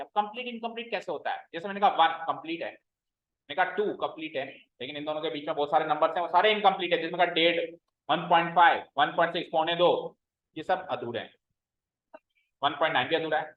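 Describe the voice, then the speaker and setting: Stern Hindi-speaking maths teacher, high voice. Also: male voice. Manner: stern, repetitive, quizzes students. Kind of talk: classroom lecture. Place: classroom. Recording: roomy, dull lo-fi classroom recording.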